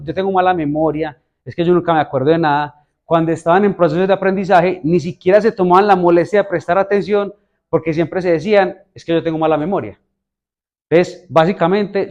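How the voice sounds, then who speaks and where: A man's voice: on the high side, darkish tone. Pastor man, dull lo-fi sermon. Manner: conversational, asks the audience questions.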